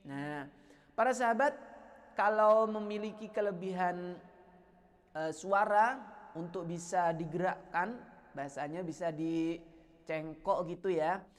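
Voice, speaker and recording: A woman teaching Quran recitation melody, giving patient explanations between slow, drawn-out chanted demonstrations and encouraging her listeners. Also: lowish voice, in a large hall. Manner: encouraging, addresses listeners as friends. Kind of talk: teaching tartil recitation melody, call and response.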